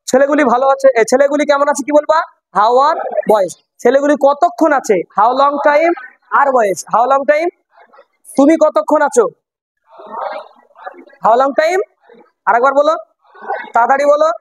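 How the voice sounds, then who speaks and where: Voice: high-pitched, no room sound, poor audio. An English teacher runs a classroom lesson, repeating phrases and quizzing the students. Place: classroom with a board.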